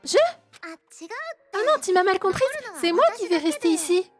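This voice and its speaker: A woman's voice: extremely high pitch, lively intonation, unhurried, over music. A woman with a French accent voicing a timid but resolute teenage girl, reading game dialogue aloud on stream. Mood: gentle. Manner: sincere, soft-spoken and resolute. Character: timid, earnest teen girl finding her courage.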